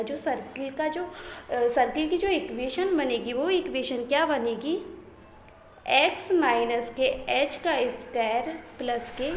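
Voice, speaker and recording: A woman teaching math step by step, often asking the class a question and checking they follow. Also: high-pitched. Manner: slow, step-by-step, repeated questions and "theek hai" checks. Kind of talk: blackboard math lesson in Hindi-English mix. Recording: echoey room with faint ambient noise.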